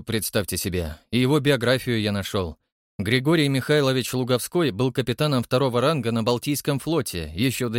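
A man voicing a calm, puzzled man who speaks in a low, measured way. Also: no echo, clean studio sound, lightly acted.

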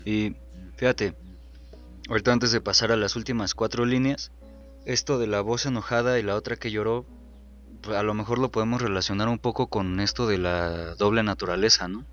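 A man co-hosting a podcast, talking in a relaxed, reflective way with frequent fillers. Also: fairly low pitch, moderate pace, soft background music. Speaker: podcast co-host. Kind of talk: casual chat about song lyrics. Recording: dull lo-fi sound.

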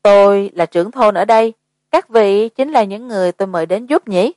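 A woman voicing a hoarse middle-aged male village chief in an audiobook story, speaking slowly and eerily. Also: mid-range voice, darkish tone, no room sound, close to an everyday voice. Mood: ominous.

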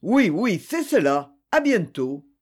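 A man's voice: sits high, sing-song, takes it slowly, full character voice. A man voicing a proud young man under suspicion who answers defensively. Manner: defensive, tense.

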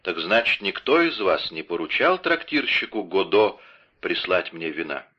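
A man reading the part of a bold, quick young guardsman in an audiobook, speaking with earnest urgency. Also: deep voice, lively intonation, slightly rough. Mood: puzzled. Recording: dull lo-fi audio.

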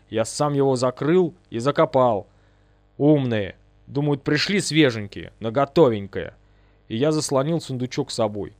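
A man's voice: mid-range voice, darkish tone, no room sound. A man giving a dramatic, vivid first-person audiobook narration.

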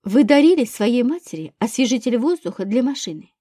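A sardonic investigator presses with curt, scornful questions, as a woman reads him. The voice is fairly high yet mellow. It is recorded close with no room sound. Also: very animated, brisk, husky, dry recording. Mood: probing. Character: sardonic male police investigator, probing and mocking.

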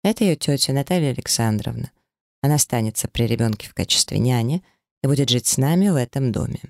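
A stern, domineering husband, as a reader puts him on, somewhat lower and commanding. Each order comes out curt and flat. The sound is dry and close. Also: male voice, quick pace, creaky, dry recording. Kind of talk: audiobook character voice.

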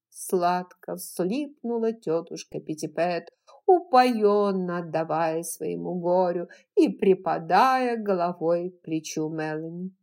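A woman narrating a novel as an audiobook in a measured, expressive reading. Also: lowish voice.

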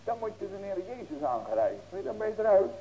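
A man's voice: high voice, big pitch swings, fairly quick, mellow, a little hiss or hum, rough recording. A man in his sixties preaching as a pastor, earnest and folksy, with rhetorical questions and emphatic ringing cries. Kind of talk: sermon.

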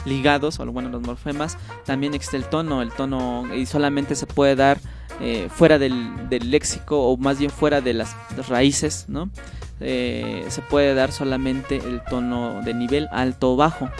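A man's voice: medium pitch, fairly even intonation, a little slow, vocal fry, over music. A man, a linguist whose first language is Mazahua, patiently explaining ideas on a radio program and checking in with the listener as he goes. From State of Mexico. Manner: patient, explains with examples, frequent "¿no?" tags. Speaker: linguist guest.

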